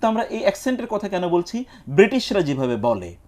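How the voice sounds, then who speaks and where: A man with a fairly high voice explains religious rulings in a measured, teacherly way. He recites Arabic phrases and builds his points step by step, as a scholar answering on a studio question-and-answer program. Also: very animated, a little mellow. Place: television studio.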